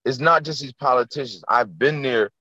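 A man's voice: mid-range voice, moderate pace, sharp tone, no room sound. A man speaking earnestly in an impassioned group discussion, heard over an online conference call and repeating his key points. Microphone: computer or phone mic on a video call. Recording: dull, dry conference-call audio.

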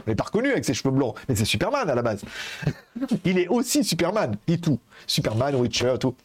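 A man's voice: on the high side, very animated, brisk, slightly rough. A man hosting a tech news show, rambling in a casual way with many hesitations, laughs and swear words. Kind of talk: casual spoken commentary. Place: at home in Asia.

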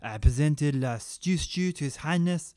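A man's voice: on the high side, unhurried, dark tone, smooth, no room sound, clean studio sound, natural voice. A man voicing a cannibalistic hospital chef with a put-on broken French accent, in a comedy radio sketch, hammy and drawn out.

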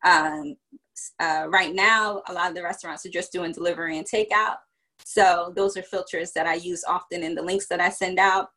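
A woman from Virginia, guesting on a laid-back podcast about the business she founded, speaks at normal speed with a fairly low pitch and a steady tone. Her voice sounds pushed and bright, she leans on fillers while explaining step by step, and the recording is rough.

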